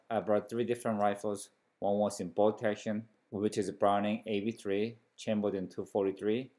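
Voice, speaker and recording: A man's voice: lowish voice, a little mellow. A man working as a hunting instructor, narrating an explanatory recap of his class.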